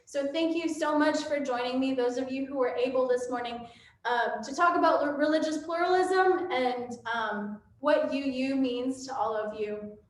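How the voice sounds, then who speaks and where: A woman's voice: high-pitched, normal speed. A woman leading a church service and giving announcements with frequent ums, her voice carrying a cathedral echo in a church sanctuary. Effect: cathedral echo from a large church hall. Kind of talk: church announcements to a streamed congregation. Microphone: room microphone for a livestream. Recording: heavy echoey church room.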